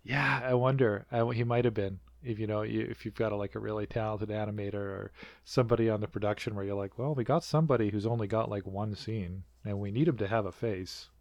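A man's voice: fairly low pitch, quick pace, darkish tone, no echo, muffled recording. A man from North America talking casually as a podcast co-host, rambling with lots of fillers and restarts. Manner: rambling, many fillers and restarts, laughs often. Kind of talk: casual chat.

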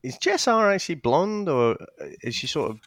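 A man's voice: on the high side, big pitch swings, moderate pace, a bit bright, dry recording, studio quality. A man co-hosting a casual podcast, hesitant, with stammering restarts and casual swearing. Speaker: podcast co-host.

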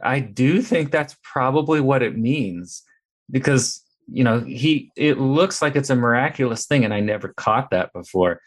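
Animated man hosting a podcast roundtable. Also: mid-range voice, moderate pace. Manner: animated, acts out quotes in a raised voice. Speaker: podcast host. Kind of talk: casual roundtable discussion.

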